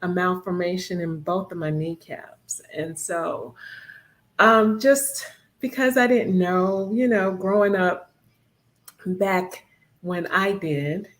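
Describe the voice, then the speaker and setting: A woman in her fifties co-hosting a casual talk show, a little out of breath, chatty and quick to laugh. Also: fairly low pitch, fairly even intonation. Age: 50s. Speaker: co-host.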